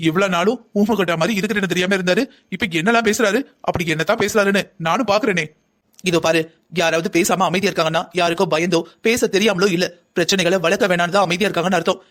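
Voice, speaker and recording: Fast heated man arguing in a cartoon drama. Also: high voice, fairly even intonation, fairly bright tone. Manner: heated, argumentative back-and-forth. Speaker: cartoon voice actor playing a whole family. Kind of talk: cartoon family drama voice acting.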